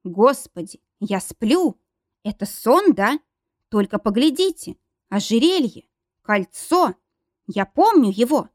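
A tearful, overjoyed man, as a woman narrator puts him on, sobbing with happiness in a high, swooping voice. The recording is dry and close. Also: very animated, takes it slowly, no echo, exaggerated voice. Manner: sobbing, breathless with joy.

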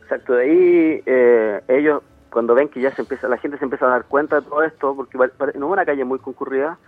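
A man with a Chilean accent tells his account at a rapid clip, acting out what others said as he goes. He comes through a thin, tinny phone line with no room sound around him. His pitch sits in an ordinary middle range. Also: no echo. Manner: rapid retelling full of quoted dialogue. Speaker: interviewee on a radio call.

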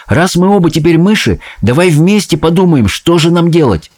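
A man voicing a sensible young boy, now a mouse, who talks calmly and persuasively in an audiobook reading. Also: on the high side, moderate pace, pitched above the performer's own voice. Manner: calm, persuasive, a little sly.

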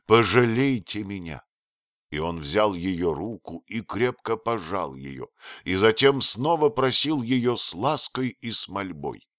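A man's voice: fairly low pitch, lively intonation, unhurried, fairly bright tone, dry recording, studio quality. A man narrating a novel aloud in a theatrical way. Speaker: audiobook reader. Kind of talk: expressive literary narration.

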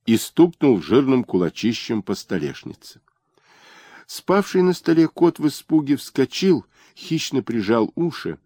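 A man reading a historical novel aloud as an audiobook narrator, in expressive, unhurried storytelling. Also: medium pitch, dry recording.

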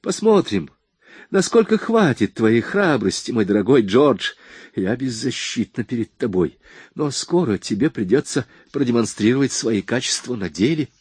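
A man reading an audiobook voices a frightened, bitter young woman with a sharp, mocking tone. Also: mid-range voice, very animated, normal speed, husky, no echo, studio quality. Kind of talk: audiobook dialogue.

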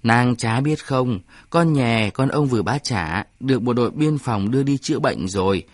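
A man voicing a stern old village elder who speaks slowly and scolds weightily. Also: medium pitch, lively intonation, no echo, studio quality, close to an everyday voice. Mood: apologetic, earnest.

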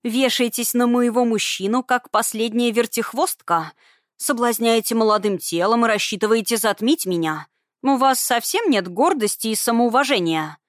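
A woman narrator voices an icy, haughty young woman, a jealous ex-fiancée in an audiobook, who questions and accuses. She speaks higher than the narration and pushes harder. The sound is dry and close, with no room around it. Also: normal speed, dry recording, natural voice. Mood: indignant. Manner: icy, indignant, demanding. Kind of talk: audiobook character voice.

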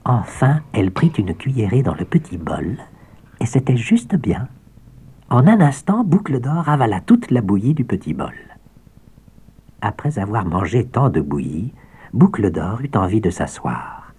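A man narrating a children's audiobook with expressive storytelling and soft asides. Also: on the low side, a little slow, husky.

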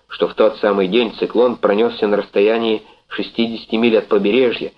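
A man reading a classic novel aloud as an audiobook narrator, in measured, even storytelling. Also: on the low side, muffled recording. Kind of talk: scripted literary narration.

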